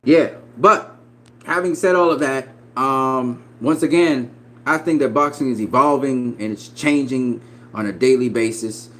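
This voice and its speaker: A man in his forties giving casual, profane boxing opinions, swinging between loud emphatic bursts and quiet asides. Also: mid-range voice, unhurried, slight background noise, poor audio. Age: 40s. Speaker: boxing commentator.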